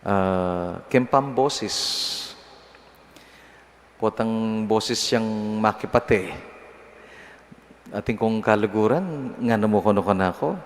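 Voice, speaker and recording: Slow-talking priest in a reverberant church. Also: male voice, lowish voice. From Pampanga, Philippines. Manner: conversational, teasing, laughs at own examples. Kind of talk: homily at Mass. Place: large church. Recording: long church reverb, faint noise.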